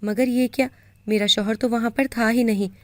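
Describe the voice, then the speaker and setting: A woman with a Pakistani Urdu accent narrating a first-person moral story in a steady, earnest way. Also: fairly high pitch, no room sound.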